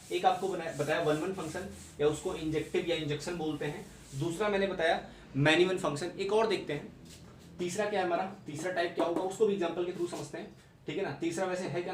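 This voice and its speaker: A young man teaching maths in a classroom-style lecture, repeating key points and checking understanding with rhetorical questions. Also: high-pitched. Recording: echoey room, mic at a distance, background noise.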